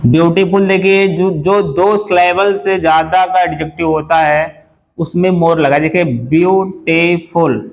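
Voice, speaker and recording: A man teaching an English grammar lesson to a class. He explains slowly, spells words out letter by letter and often asks the class questions. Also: a little high, gravelly, slight background noise, poor audio.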